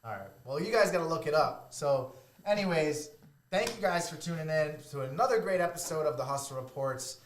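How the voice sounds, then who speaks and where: A man with a Boston accent co-hosts a casual podcast. He sits slightly high for a man, jokes as he goes, and the echoey room rings around his voice. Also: animated, fairly quick, slight background noise. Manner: joking, laughs often. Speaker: podcast co-host. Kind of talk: casual chat.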